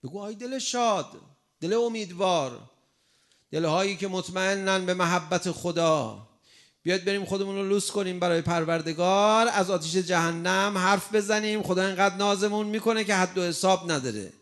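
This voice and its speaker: A man preaching a sermon in an animated way, acting out a crying child and the replies to it. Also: high voice.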